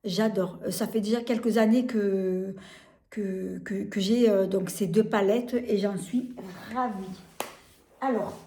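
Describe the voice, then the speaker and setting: A French woman showing makeup on camera, gushing about each product and filling pauses with hesitations and repeated words. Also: medium pitch, fairly even intonation, mellow. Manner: gushing, enthusiastic over products. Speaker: beauty vlogger. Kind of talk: casual product demo. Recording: echoey room.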